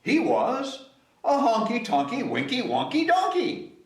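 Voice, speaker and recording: A story time reader with a very high voice and wildly swooping pitch takes a measured pace through a picture book for kids. He coaxes them to join in and stretches words for effect; background noise and room echo come through the distant mic.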